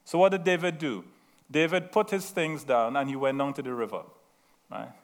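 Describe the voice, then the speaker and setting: Mid-range in pitch and speaking at normal speed, this Trinidadian-accented preacher in middle age weaves stories and tangents into his sermon. He pokes fun at himself, stays conversational, and checks in with listeners by asking "right?"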